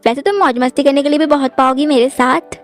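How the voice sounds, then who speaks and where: A woman's voice: high voice, fast, soft background music, natural voice. A woman voicing a childish, carefree young man who spends freely, in a drama recap.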